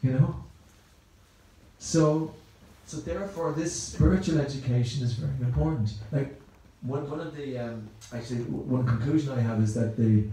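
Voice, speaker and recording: The speaker is an Irish man with a mid-range, dark voice, rambling conversationally through a Sunday talk at a temple and repeating words along the way. The hall is very echoey.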